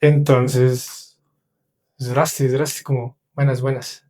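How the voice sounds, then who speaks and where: A young Colombian man with a Colombian Spanish accent, a podcast guest telling stories in casual chat, animated and acting out the voices of people he met. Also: mid-range voice, slow pace. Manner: animated, acts out quoted voices. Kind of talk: casual storytelling.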